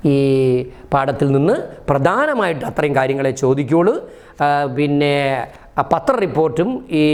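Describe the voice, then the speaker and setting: A man from Kerala, teaching an exam-prep lesson and asking questions that he answers himself. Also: a little high. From Kerala, India. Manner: explanatory, asks questions and answers them himself. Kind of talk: exam-prep Hindi lesson, explained in Malayalam.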